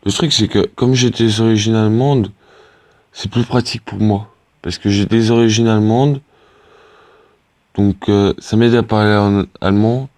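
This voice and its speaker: A man's voice: on the low side, fairly even intonation, normal speed, a little mellow, no room sound. A teenage boy chatting casually to his viewers while playing a game, rambling and hesitant, full of fillers and restarts. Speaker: gaming YouTuber. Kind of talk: casual gameplay commentary.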